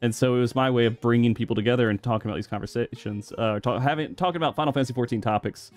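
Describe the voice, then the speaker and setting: A man in his thirties hosts a podcast, talking casually, rambling, and laughing a lot. His voice is mid-range and he speaks at a racing pace.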